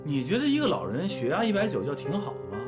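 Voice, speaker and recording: An actor playing an indignant middle-aged husband who is a doctor, talking in a heated, reproachful way. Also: male voice, high-pitched, big pitch swings, racing, loud music behind the voice.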